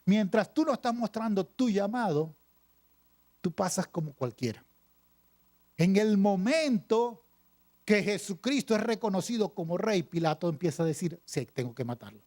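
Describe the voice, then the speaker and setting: A male pastor preaching a sermon, reading scripture aloud and pausing for emphasis with repeated phrases. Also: high voice, animated, darkish tone. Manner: preaching with dramatic pauses and repetition.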